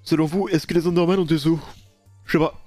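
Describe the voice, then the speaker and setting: A man's voice: on the high side, steady tone, quick pace, dark tone, dry recording, soft background music. A man streaming a video game, chatting casually and rambling while answering chat questions, close to the mic. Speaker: gaming streamer.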